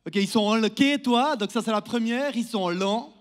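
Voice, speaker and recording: A man's voice: sits high, moderate pace. A man in his thirties with a Neuchâtel Swiss French accent, a down-to-earth guest preacher addressing a church congregation and asking them questions. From Neuchâtel, Switzerland. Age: 30s. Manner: friendly, down-to-earth, speaks to the crowd with questions. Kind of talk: sermon introduction to a congregation. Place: church hall.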